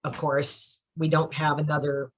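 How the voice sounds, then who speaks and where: Husky-voiced woman author, lively and laughing. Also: deep voice, measured pace. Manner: animated, laughs often, emotional. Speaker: children's book author. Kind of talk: casual interview. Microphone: video call.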